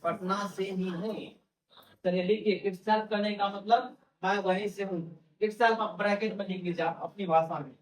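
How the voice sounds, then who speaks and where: A male English teacher with a high, steady voice lectures his class at a moderate pace, repeating key phrases as he keeps questioning students. He's off-mic and distant in a roomy classroom.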